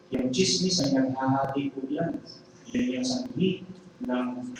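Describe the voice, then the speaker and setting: Filipino preacher man in an echoey hall. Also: a little high. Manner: conversational, peppered with "okay?" and "no?" tag questions. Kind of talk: sermon. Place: large church hall. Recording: echoey hall, mic at a distance, noisy live stream.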